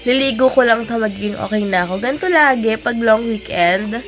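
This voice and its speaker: A woman's voice: a little high, brisk, low-quality recording. A young woman with a stuffy cold, chatting casually at home while cooking, rambling and laughing often. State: congested with a cold. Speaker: vlogger. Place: home kitchen.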